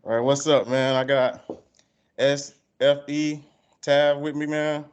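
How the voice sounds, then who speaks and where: A man's voice: on the high side, little pitch movement, slow, clean tone. A man with a country Georgia Southern accent, interviewing casually in heavy slang. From Georgia, United States. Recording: dull, lo-fi call audio.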